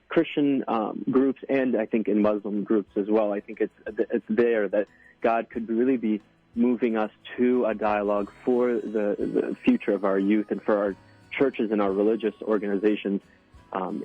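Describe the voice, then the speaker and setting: Young deacon on a tinny phone line. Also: male voice, lowish voice, no room sound. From United States. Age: 20s. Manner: earnest, halting with many fillers. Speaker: deacon, guest. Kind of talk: interview on radio.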